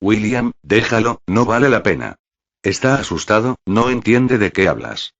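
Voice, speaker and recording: A man's voice: fairly low pitch, sing-song, moderate pace, dull audio. A man voicing a nervous, uneasy male friend who pleads in an audiobook reading.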